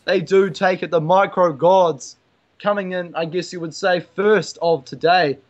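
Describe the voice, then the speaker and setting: A man's voice: high voice, steady tone, a little slow, lo-fi sound. A man doing color commentary on an esports match, chatty and analytical, jumping up on big plays. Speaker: esports caster.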